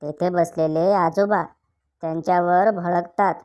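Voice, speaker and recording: Slow, even-voiced woman reading jokes. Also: lowish voice. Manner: slow, measured storytelling with canned laughter breaks. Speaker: joke narrator.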